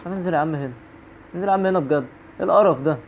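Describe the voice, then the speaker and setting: A man's voice: a little high, racing, slight background noise. A man with an Egyptian Arabic accent giving jumpy horror-game commentary, repeating phrases over and over. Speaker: gaming YouTuber. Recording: tinny phone-like audio.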